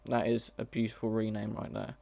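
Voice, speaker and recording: Gravelly man coding and thinking aloud. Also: fairly low pitch, completely flat delivery, a little fast, mellow, dry recording. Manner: thinks aloud, hesitant, self-correcting. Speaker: mod developer streaming live. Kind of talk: casual live coding commentary.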